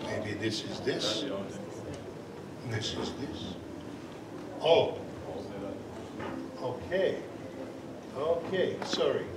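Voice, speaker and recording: A native Serbian speaker with a Serbian accent chairs and opens a conference session, his mid-range voice carrying lively intonation. He halts often, full of fillers and restarts, speaking into a portable mic. The recording is noisy and distant, captured in an echoey conference hall.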